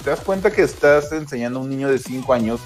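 A middle-aged man chats on a podcast at an ordinary pitch. He is slangy and animated and jumps into higher voices when he quotes people. Faint music plays behind him. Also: fast. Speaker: podcast co-host. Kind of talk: casual podcast chat.

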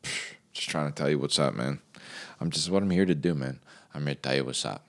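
A man's voice: extremely low pitch, brisk. A man ranting comically about an advertisement, incredulous and riffing with lots of fillers. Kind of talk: comedic rant.

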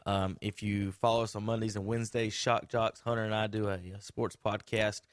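In a studio, a man hosts a sports talk radio show, bantering loosely with his co-hosts, teasing them, using plenty of fillers and doing sponsor reads. His voice is fairly low and level at a normal pace. He speaks into a studio mic with headphones, with no room sound.

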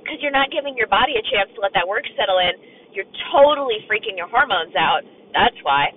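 Hoarse, raspy woman on a thin recording. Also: medium pitch, expressive, a little fast. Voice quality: raspy, strained. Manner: candid, colloquial, mildly sweary. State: hoarse and sick, voice nearly gone. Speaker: podcast host and fitness coach. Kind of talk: casual solo podcast chat. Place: inside a car on a dirt road. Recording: thin phone-like sound with road noise. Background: faint car and road noise.

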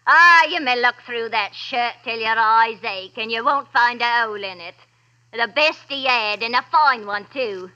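A woman's voice: on the high side, a little slow, bright, forceful tone, dull audio. An actress playing a coarse, greedy old charwoman who talks in a brash, mocking way in an old radio drama. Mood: gloating.

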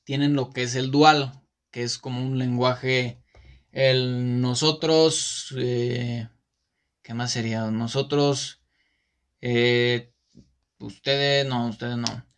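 A podcast host with a Mexican Spanish accent talks in a casual monologue, his mid-range voice steady and slow. He rambles, corrects himself often, and leans on plenty of fillers.

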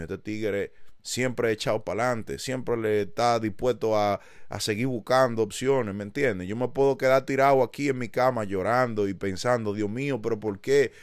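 A man's voice: mid-range voice, gravelly, smooth, no room sound. Give me a man talking into a dry, close mic, passionate and direct. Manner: emphatic, addresses listener directly as "tú", swears casually. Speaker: podcast host. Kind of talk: motivational podcast monologue.

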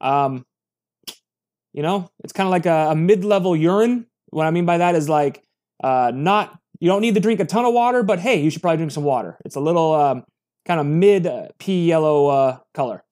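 Chatty man with a lively voice. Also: fairly high pitch, a little fast. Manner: rambling, chatty, many fillers and restarts. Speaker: bourbon reviewer. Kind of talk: casual spoken review.

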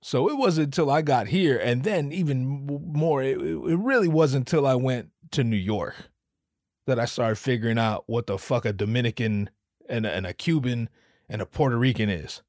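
In a clean, dry studio recording, a man with a medium-pitched, darkish voice speaks at normal speed. He's a US Northwest native hosting a solo comedy podcast, profane and rambling, cutting himself off again and again.

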